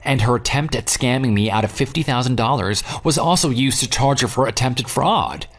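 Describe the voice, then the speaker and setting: At normal speed and in a natural voice, a man plays the lead character and narrator of an audio drama: a jilted former groom, sarcastic, unyielding and self-assured. His medium-pitched delivery is dry and matter-of-fact across both first-person narration and dialogue, backed by light music.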